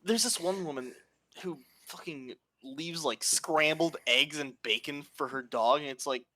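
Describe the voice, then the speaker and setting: A man telling stories in casual podcast chat, animated and profane. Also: fairly high pitch, measured pace. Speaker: podcast co-host.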